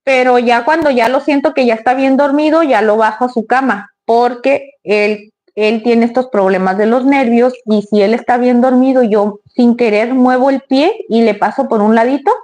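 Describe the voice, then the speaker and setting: A woman vlogging in a loose, chatty style, telling long stories and turning to speak to her viewers directly. Her voice sits a little higher than most women's. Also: steady tone, moderate pace, few pauses, a little mellow. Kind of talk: casual storytelling to the camera.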